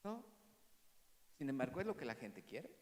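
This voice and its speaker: A man, a pastor preaching an animated sermon that swings from loud to hushed. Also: mid-range voice, fast talker, in a large hall. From Mexico. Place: church hall.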